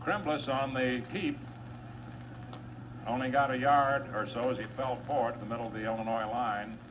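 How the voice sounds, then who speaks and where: Announcer, man, fast-listing names and yardage, muffled old wire recording, steady hiss. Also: medium pitch. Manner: brisk, reels off names, yard lines and down-and-distance. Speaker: play-by-play announcer. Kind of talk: live radio football play-by-play.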